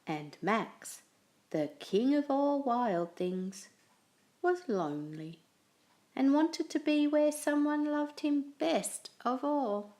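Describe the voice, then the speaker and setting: Slow, animated woman reading a story. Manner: slow, expressive reading with lively pitch. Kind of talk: children's story read aloud.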